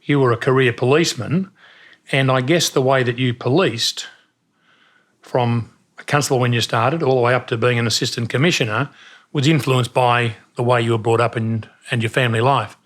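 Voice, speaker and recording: A man's voice: mid-range voice, steady tone, normal speed. Australian man hosting a podcast interview. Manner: friendly, conversational questioning.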